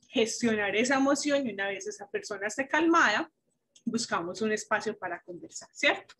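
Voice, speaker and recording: A woman gives a teaching talk to parents over a video call. Her voice sits a little high, and she moves through her points with rhetorical questions. She sounds like a patient, methodical workshop speaker. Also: a bit bright, husky. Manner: didactic, asks rhetorical questions.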